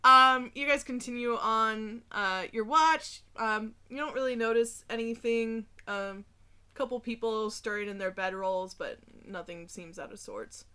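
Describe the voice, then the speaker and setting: A woman narrating as game master of a tabletop game, her voice a little high and very bright. She talks in an easygoing way, with plenty of fillers as she moves the scene along. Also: unhurried, smooth.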